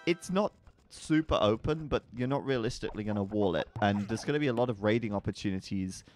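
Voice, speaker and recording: A man casting an esports match live, chatty and quick to laugh. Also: fairly low pitch. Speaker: esports caster. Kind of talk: live game commentary. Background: faint background music.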